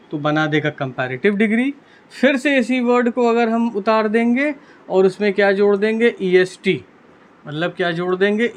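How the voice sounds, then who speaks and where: Man, Hindi accent, high-pitched voice, grammar lesson, asks and answers himself, keeps checking "theek hai". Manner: coaxing, asks and answers his own questions; repeats "ठीक है" constantly. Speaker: English teacher.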